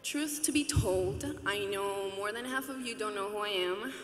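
A woman's voice: mid-range voice, normal speed. A young woman from Venezuela speaks at a podium in a big arena, earnest and chatty, with a touch of humor. Her voice carries a roomy echo and a long hall reverb, with a faint ambient hum underneath. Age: 20s. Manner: earnest, conversational, lightly humorous. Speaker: student commencement speaker. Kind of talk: graduation speech. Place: large arena stage, at a podium. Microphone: podium microphone.

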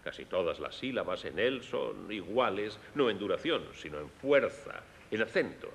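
A man's voice: sing-song, normal speed, vocal fry. A man with a Castilian Spanish accent dubbing a lecture on music for young listeners, explaining in a teaching manner and speaking to them directly. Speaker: presenter of a children's concert lecture. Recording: echoey hall with long reverb and faint rumble.

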